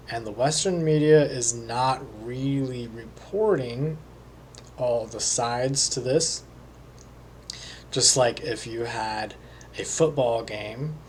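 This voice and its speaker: Man, psychic reader monologue, slow halting delivery, faint noise behind. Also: medium pitch. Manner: slow, hesitant, many pauses and fillers. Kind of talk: solo monologue.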